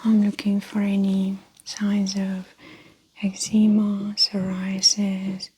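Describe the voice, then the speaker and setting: A woman playing a calm, methodical female doctor in a whispered role-play, speaking in a soft breathy whisper with gentle clinical narration. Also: medium pitch, slow pace. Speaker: ASMR performer.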